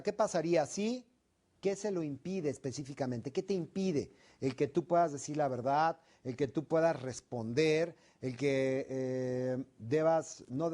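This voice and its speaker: A man's voice: a little high, mellow. A middle-aged man teaching a negotiation class, often asking questions and acting out example phrases. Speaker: instructor. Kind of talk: classroom lecture.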